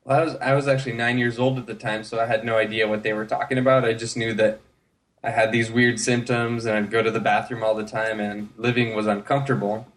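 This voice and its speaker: Relaxed man telling his story. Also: medium pitch, fast talker. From United States. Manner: relaxed storytelling with frequent fillers. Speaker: guest. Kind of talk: casual interview chat.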